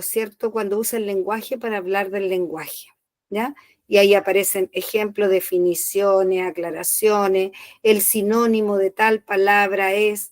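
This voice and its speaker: A woman's voice: mid-range voice, darkish tone, no echo. A woman teacher, patiently explaining a lesson in an online class and checking in often. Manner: explains patiently, checks in with "¿ya?" after each point.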